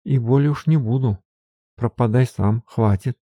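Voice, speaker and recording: A man's voice: moderate pace, mellow, slightly rough, no room sound, studio quality, close to an everyday voice. A man reading an audiobook, voicing a tender but scolding young woman by raising his voice. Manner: voice raised to a higher register for the woman.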